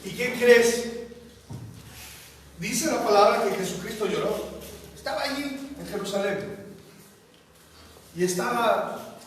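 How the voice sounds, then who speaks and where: A high-voiced man preaches with fervent emphasis, his voice ringing through a big reverberant church hall. He stands well back from the microphone, and a faint hiss sits under the sound. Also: takes it slowly, pauses often. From Mexico. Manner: emphatic, often quotes the crowd with rising exclamations. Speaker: pastor. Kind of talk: sermon. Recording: roomy hall reverb, distant mic.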